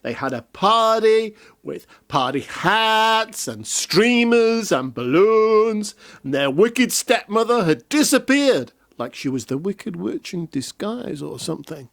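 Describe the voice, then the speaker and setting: Playful high-voiced male storyteller. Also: sing-song, a little slow, gravelly, hardly any pauses, fairly bright tone, dry recording, studio quality. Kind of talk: playful children's story reading.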